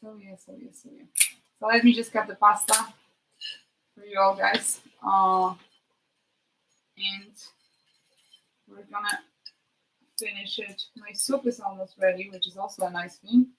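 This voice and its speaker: Woman chatting haltingly over kitchen noise. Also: medium pitch, fairly even intonation. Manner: halting, thinking aloud, trailing off. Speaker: streamer hosting a live cooking chat. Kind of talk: casual chat while cooking. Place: kitchen, next to the sink. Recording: noisy kitchen with clicks. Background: cooking noises and clicks.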